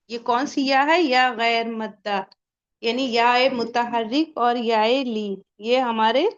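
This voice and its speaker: A woman's voice: a little high, muffled recording. A woman teaching a Quran pronunciation lesson step by step, asking and answering her own questions and stretching out sample sounds.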